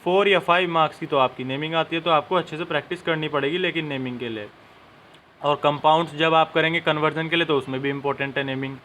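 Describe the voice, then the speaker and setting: Bright-voiced man teaching. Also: fairly high pitch, steady tone, fast talker, a little hiss or hum. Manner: explains step by step, addresses students directly. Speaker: chemistry teacher. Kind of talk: classroom-style lesson.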